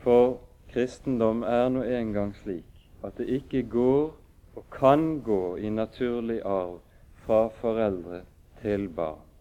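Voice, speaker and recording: A man preaching a sermon and reading scripture aloud in a measured, solemn way with pauses. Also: lowish voice. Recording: dull lo-fi recording.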